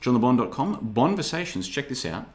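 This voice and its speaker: A podcast host in his thirties gives a casual livestream monologue in a medium-pitched, sing-song voice at a fairly quick pace. He rambles, leans sarcastic and often mocks people with put-on voices.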